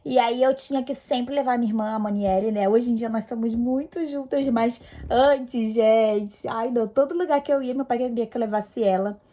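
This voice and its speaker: A woman's voice: a little high, normal speed, hardly any pauses, dark tone. A young woman from Brazil casually telling a personal story to her viewers, chatty and full of fillers. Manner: chatty, many fillers and restarts. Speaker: vlogger.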